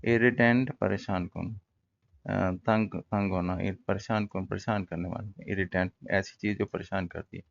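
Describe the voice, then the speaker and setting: A man teaching an English lesson in a relaxed, conversational way, explaining words and pausing often with fillers. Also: low-pitched, gravelly, dry recording, muffled recording. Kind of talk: casual classroom-style lesson.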